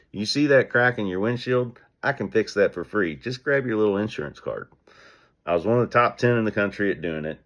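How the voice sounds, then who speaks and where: A man speaking as a business owner, telling stories and giving advice in an energetic, conversational way. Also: lowish voice, lo-fi sound. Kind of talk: casual motivational talk.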